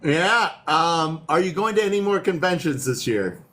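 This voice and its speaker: A man's voice: on the high side, lively intonation, moderate pace, pushed and bright. A man hosting a livestream, chatting casually in a loose, easygoing way, with many fillers and restarts. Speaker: livestream host. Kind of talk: casual chat.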